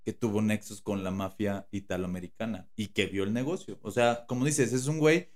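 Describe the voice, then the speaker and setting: A man's voice: fairly low pitch, a little fast, a little mellow. A man with a Mexican Spanish accent co-hosting a podcast in casual chat, slangy and rambling, with many fillers and restarts. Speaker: podcast co-host.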